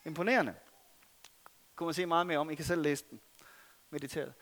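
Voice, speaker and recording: High-voiced man preaching a sermon. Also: fairly even intonation. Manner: earnest, swings between loud stress and soft asides. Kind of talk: sermon with scripture reading.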